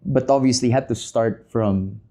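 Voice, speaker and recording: A Filipino man in his thirties, a business leader appearing as a podcast guest, talks casually in measured phrases with frequent pauses, mixing Tagalog into his English. His voice is mid-range with a dark tone.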